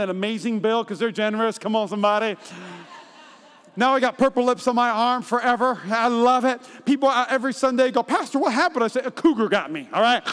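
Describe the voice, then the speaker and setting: A man's voice: extremely high pitch, smooth. A man in his thirties preaching a sermon as a pastor, telling a story with jokes and asides to the congregation in a church auditorium. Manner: energetic, jokey, rhetorical asides. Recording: long church-hall reverb.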